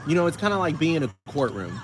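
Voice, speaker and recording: A man's voice: a little high, sing-song, quick pace, soft background music. A man from the United States on a casual, rambling rant, sassy and profane, often asking rhetorical questions.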